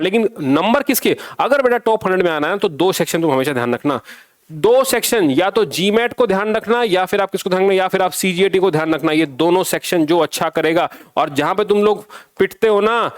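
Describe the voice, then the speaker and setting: A man's voice: sits high, no echo, studio quality. A man teaching an exam review lesson, scolding and pushing his students, mixing English phrases into his talk.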